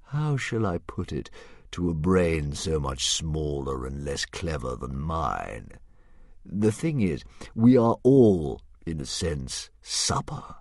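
A man voicing a huge, smug male dragon who talks like a philosopher, with slow, low, silky menace. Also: sing-song, darkish tone, no room sound, studio quality, full character voice. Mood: menacing.

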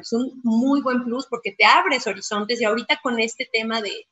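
A woman's voice: a little high, breathy edge. A woman, director of a voice-over school, explaining her views in an interview. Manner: explanatory, lively. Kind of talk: interview answers.

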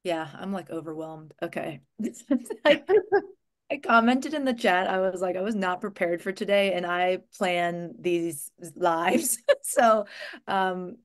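Lower-pitched woman hosting a casual livestream. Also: unhurried. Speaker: livestream co-host.

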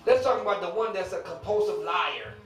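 A man with a high voice preaches a sermon, driving his points home with rhetorical questions and loose, humorous asides. He sounds set back from the microphone in an echoing church sanctuary, with a faint murmur of room ambience behind him. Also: lively intonation, brisk, fairly bright tone, faint music behind. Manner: casual conversational asides to the congregation. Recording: echoey room, mic at a distance.

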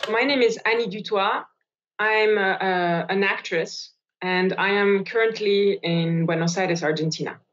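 A woman from Switzerland in her forties, an actress talking on a video call, pausing and repeating words as she thinks. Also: medium pitch, a bit bright, faint music behind. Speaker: actress guest. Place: bright room indoors by a window. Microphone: laptop camera on video call. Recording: dull lo-fi video call audio.

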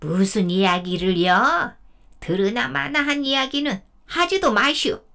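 A woman's voice: fairly high pitch, unhurried, vocal fry, pushed and bright, exaggerated voice. A woman voicing a hot-tempered old grandmother who scolds and nags sarcastically. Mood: scolding.

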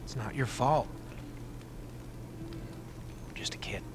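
An actor playing a measured, folksy survivor-group leader in a video game. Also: male voice, mid-range voice, lively intonation. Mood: calm persuasive. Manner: measured, folksy, quietly menacing. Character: calm, persuasive adult male survivor-group leader. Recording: game audio with clear background noise.

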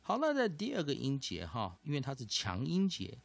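A man teaching a vocabulary and pronunciation lesson, explaining slowly and deliberately. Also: medium pitch, huge pitch swings, gravelly, no echo.

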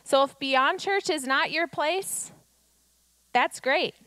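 A woman in her thirties preaches from a church stage with a high, bright voice. She drives her points home with rhetorical questions and acts out quotes. The sound through her handheld mic is close and dry. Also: slow pace, dry recording. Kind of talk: sermon.

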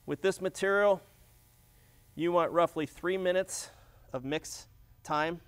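Speaking slowly in a high, smooth voice, a middle-aged man demonstrates flooring work on an indoor warehouse floor. He explains each step as he goes, restarting often and using plenty of fillers.

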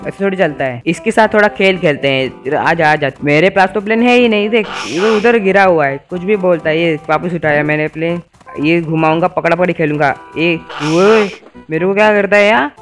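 A young man giving playful, teasing commentary over a video game and talking to its characters. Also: fairly high pitch. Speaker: gaming YouTuber. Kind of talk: Let's Play commentary.

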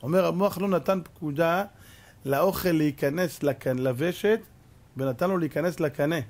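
High-voiced man preaching with animated storytelling. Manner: animated storytelling, acts out dialogue, repeated rhetorical questions. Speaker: rabbi. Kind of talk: Torah lesson sermon.

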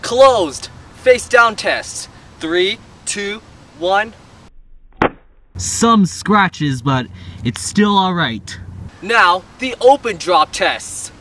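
A young adult man hosts a comedic product-test vlog for YouTube, filmed outdoors in a dirt yard on a camera mic. His voice is high and sharp with lively intonation, and he speaks very slowly with frequent pauses, under a faint hiss or hum. He's playful and jokey, counting down his drop tests.

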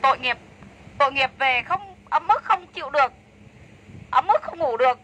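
A woman's voice: high voice, lively intonation, normal speed, pushed and bright, poor audio. A woman selling clothes on a livestream, chatty and enthusiastic, repeating prices over and over. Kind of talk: fast live-sale patter.

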